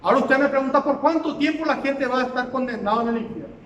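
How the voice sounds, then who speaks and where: A man with a very high voice preaches with emphasis, driving his points home by repeating them. He sounds distant from the microphone. A long hall reverb trails each phrase, with faint noise underneath. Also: fast, fairly bright tone, dull audio. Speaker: pastor. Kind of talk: sermon.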